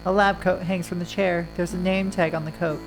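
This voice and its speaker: Congested from a winter cold, a woman game streamer speaks in a very nasal, fairly low, steady voice at a slightly fast clip. She reads game text plainly in the first person, breaking off to chat casually, over faint game music on a low-quality recording.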